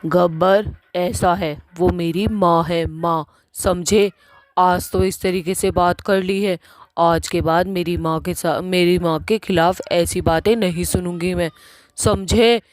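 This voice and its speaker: A woman's voice: lowish voice, fairly even intonation, slow, no room sound, clean studio sound. Woman voicing a pushy young witch daughter. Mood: pleading. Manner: loud nagging, pleading.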